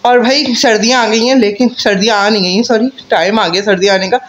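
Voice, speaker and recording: A woman's voice: fairly high pitch, fairly even intonation, fast talker. A woman from Pakistan, talking through cloth as she chats in a casual vlog intro and pleads with viewers to comment and subscribe. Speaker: food vlogger.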